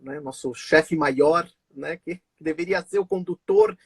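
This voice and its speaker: In clean studio sound without echo, a man speaks on the high side, a little slowly, in a slightly mellow, slightly rough voice. Born in Israel and brought up in Brazil, he hosts a relaxed live-stream conversation over a video call. He's chatty and laughs often, full of fillers and false starts.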